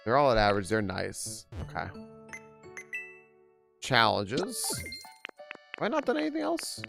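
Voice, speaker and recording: Lively excitable male game streamer. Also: medium pitch, a little slow, gravelly, music in the background. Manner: excitable, chats with viewers, talks to characters. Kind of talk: casual live game commentary.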